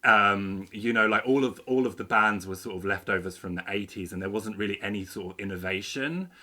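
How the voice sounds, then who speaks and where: A man's voice: lowish voice, fairly quick, pushed and bright. A man, co-hosting a podcast and talking candidly about his past, with frequent hesitations. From East London, England. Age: late 30s. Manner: candid, reflective, hesitant with many fillers. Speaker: podcast co-host. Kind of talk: casual chat.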